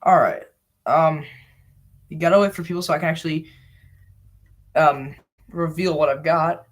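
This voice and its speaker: A man's voice: a little high, steady tone, normal speed. A young man from the American South, chatting casually to viewers on a live stream, rambling with lots of fillers while he sets things up.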